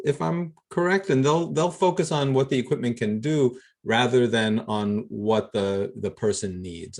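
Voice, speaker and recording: Guy running a zoom workshop, upbeat, chatty, explaining stuff, mid pitch. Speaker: workshop host. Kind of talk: casual instructional talk. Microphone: video call.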